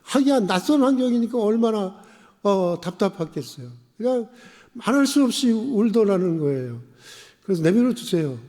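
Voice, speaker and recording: A man preaching a sermon as pastor, asking the congregation questions and swinging between emphatic raised phrases and quiet drops. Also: high voice, big pitch swings, normal speed. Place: church sanctuary. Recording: long church reverb.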